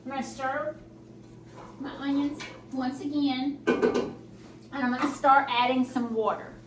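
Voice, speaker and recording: A woman's voice: high voice, steady tone, unhurried, very noisy. A woman chats casually through a cooking demonstration, her speech slightly impeded by new dental braces, in a folksy step-by-step way. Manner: chatty, folksy, narrating each step as she works. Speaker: home cook hosting a cooking vlog. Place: home kitchen while cooking.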